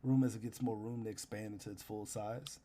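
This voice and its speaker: A man's voice: on the low side, steady tone, brisk, mellow. A man narrating a tabletop game as game master, improvising in a casual, slangy way.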